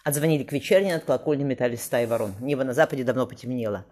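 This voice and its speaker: A man reading a historical novel aloud as an audiobook narrator, in brisk scripted narration. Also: mid-range voice, darkish tone.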